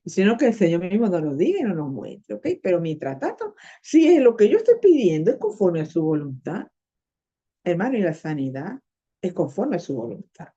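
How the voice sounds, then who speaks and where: A woman's voice: on the low side, very animated, normal speed, warm tone, slightly rough. A woman preaching a sermon with Bible reading, impassioned and repeating phrases to drive them home. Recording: dull lo-fi audio.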